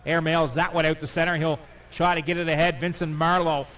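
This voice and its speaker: A man calling hockey play-by-play at a steady clip that lifts on saves. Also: on the high side, fairly quick. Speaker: play-by-play announcer.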